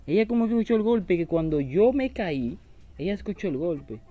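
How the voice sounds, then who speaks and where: A man's voice: sits high, big pitch swings, moderate pace, highs cut off. A man commenting on a horror game he is playing, taunting the enemy and shrieking when startled. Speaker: gaming YouTuber.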